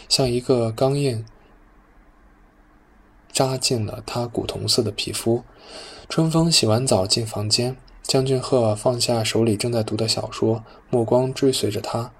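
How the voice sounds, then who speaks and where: A man narrating a novel as an audiobook, calm and even. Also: mid-range voice, a little slow, a little hiss or hum.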